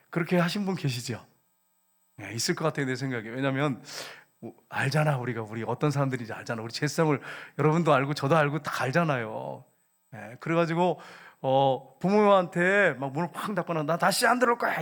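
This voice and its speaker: A man preaching a sermon as pastor, often turning to the congregation with questions. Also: on the high side. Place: church service.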